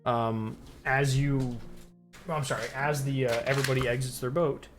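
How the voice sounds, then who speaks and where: A man's voice: mid-range voice, fairly even intonation, normal speed, faint music behind. Man narrating a tabletop game scene. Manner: descriptive, many "um" fillers. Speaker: game master.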